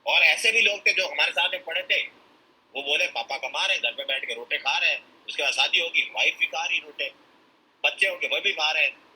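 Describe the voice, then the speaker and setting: A man's voice: fairly high pitch, a little fast, pushed and bright, a little hiss or hum, low-quality recording. A man giving a blunt, emphatic motivational talk at a business seminar. He mixes in English phrases and acts out people's excuses as he goes.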